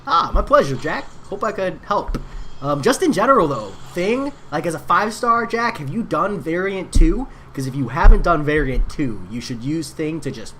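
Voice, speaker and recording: A male game streamer talks casually to his live chat while he plays. His voice swings widely up and down in pitch, and his delivery is slangy and relaxed. He answers viewers by name in easy, offhand chatter. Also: normal speed, a little hiss or hum.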